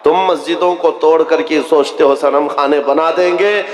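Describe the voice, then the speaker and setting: A man's voice: fairly high pitch, steady tone, background noise. A man preaching an impassioned sermon like a rally speech, declaiming dramatic stories and throwing out rhetorical questions. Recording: echoey PA with long hall reverb.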